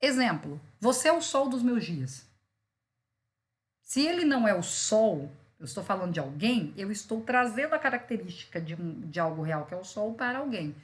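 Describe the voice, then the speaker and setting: A Brazilian woman lecturing, explaining word meanings through examples and checking in with "né" and "tá". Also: medium pitch. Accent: Brazilian Portuguese. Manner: explains with examples, many fillers like "né" and "tá". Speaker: law school teacher. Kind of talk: online lecture on vocabulary.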